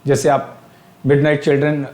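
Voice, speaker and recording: Man, Indian accent, teacher, exam-prep lecture, fairly high voice, asks questions aloud, echoey room. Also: monotone, moderate pace, darkish tone. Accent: Indian English. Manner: explains step by step, asks questions aloud, mixes in English terms.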